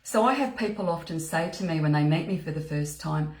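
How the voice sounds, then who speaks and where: A woman's voice: low voice, expressive, fairly quick, echoey room. A woman speaking as a spiritual mentor, giving an earnest motivational talk with lots of "you know" and "okay" and words repeated for emphasis. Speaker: spiritual mentor and psychic medium.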